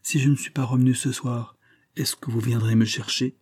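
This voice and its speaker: A man's voice: medium pitch, flat delivery, normal speed, a little mellow, natural voice. A man reading an audiobook, voicing a reserved young woman who speaks briefly and hesitantly.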